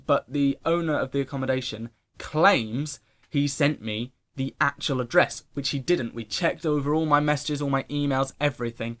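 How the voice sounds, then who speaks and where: Excitable man telling a story. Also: mid-range voice. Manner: excitable, animated storytelling with exclamations. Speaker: vlogger telling a personal story. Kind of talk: casual storytime monologue.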